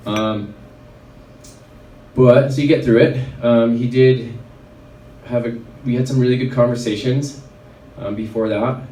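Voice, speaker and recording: A man's voice: mid-range voice, steady tone, unhurried, dark tone, slight background noise. A man, telling a personal story at a wellness event in a casual, rambling way full of fillers. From Red Deer, Alberta, Canada. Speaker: chiropractor speaking at a wellness event. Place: event venue. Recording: roomy sound from a distant mic.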